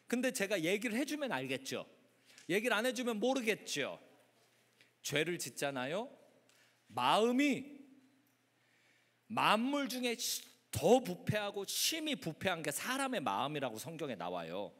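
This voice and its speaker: A man preaching an animated sermon to young people, acting out characters' voices in dramatic bursts. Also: high-pitched, in a large hall. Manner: acts out voices of teens and grandma in quick dramatic bursts. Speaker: pastor. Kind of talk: animated youth camp sermon.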